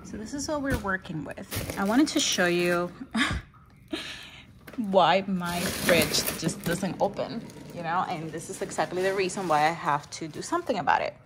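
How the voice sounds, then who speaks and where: There's background noise around this woman's lowish voice, which moves at a moderate pace. In her thirties, she talks casually to camera from her home kitchen, with voice-over, about organizing, staying chatty and encouraging and laughing at the mess she's in.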